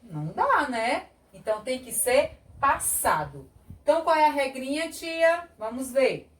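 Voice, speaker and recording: A Brazilian woman teaching young children, sounding out words slowly and clearly as she explains spelling. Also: high-pitched, animated. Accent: Brazilian Portuguese. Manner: slow, sing-song, exaggerated word sounding. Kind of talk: children's lesson. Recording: echoey room, a bit far from mic.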